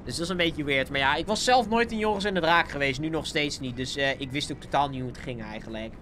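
Speaking fast with a fairly high pitch and a bright, forceful tone, a young Dutch-accented man casually commentates his game on a livestream. He's bouncy and giggly despite a sore throat. Faint music and slight background noise sit behind him.

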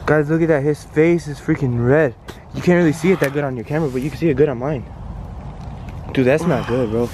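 A man's voice: on the high side, fast. A young man with a nervous, repetitive, slangy way of talking in a casual night exploration vlog. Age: young adult. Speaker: vlogger. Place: abandoned house and dark outdoors at night. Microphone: handheld camera mic. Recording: echoey, off-mic, noisy handheld camera audio.

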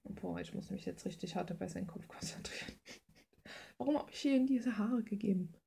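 This artist, a woman drawing at her desk indoors for a video, chats in a loose, slangy, thinking-aloud way. Her medium-pitched voice is fairly quick, creaky and mellow, with a little hiss or hum in the recording.

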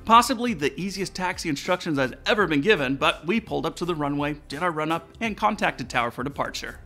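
His voice a little high, bright, and forceful, an American man in his forties hosts an aviation channel, talking fast and animatedly. He reads a scripted explanation to viewers over background music inside a studio room with aviation decor.

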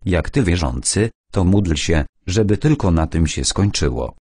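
A man voicing a gruff army major who speaks bluntly and mixes in Russian words. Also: deep voice, lively intonation, a little slow, a little mellow, dry recording, studio quality, heavily acted. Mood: grave. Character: weary older male army major, blunt drinker.

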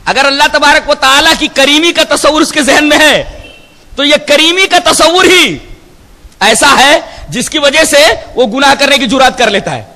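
Male scholar preaching Quran commentary, high lively voice, emphatic, rhetorical questions, chanted verses, long hall reverb. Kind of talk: sermon-style Quran commentary.

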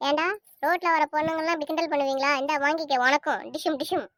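A woman's voice: sits high, fairly even intonation, fast, heavy background noise, lightly acted. A woman voicing a tall, tough young woman who scolds sharply and threatens in a cartoon. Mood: angry. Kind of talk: cartoon voice acting.

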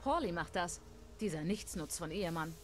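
A woman's voice: fairly low pitch, lively intonation, moderate pace, faint music behind, lightly acted. An actress playing a jittery, defensive shopkeeper woman in a dubbed video game.

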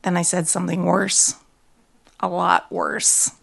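An American woman reading her own personal story aloud, wry, self-mocking and expressive. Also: lowish voice, unhurried, creaky, slightly rough. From United States.

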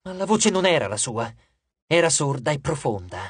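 Expressive husky male audiobook narrator. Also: a little high, normal speed, no room sound. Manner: expressive, dramatic storytelling.

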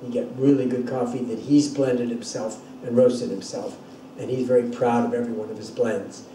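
A man's voice: mid-range voice, steady tone, normal speed, warm tone, slight background noise. An older man giving a university lecture, explaining things thoughtfully and often restarting his sentences. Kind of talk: classroom lecture. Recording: echoey room, distant mic.

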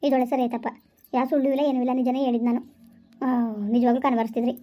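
A woman acting as a fed-up, sharp-tongued young wife in a village family drama, with quick, sarcastic retorts. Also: high-pitched, little pitch movement, close to an everyday voice. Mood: retorting. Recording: dull lo-fi recording.

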